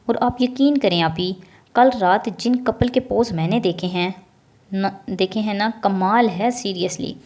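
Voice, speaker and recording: A woman voicing a cheeky, lazy teenage girl who teases her family in a bubbly, higher voice, in a storybook reading. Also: darkish tone, lightly acted.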